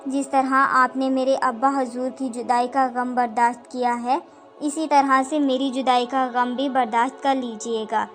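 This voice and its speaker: A woman reading the lines of a dying young mother who speaks gently and tearfully. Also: high-pitched, flat delivery, faint music behind, lightly acted. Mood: tender, tearful.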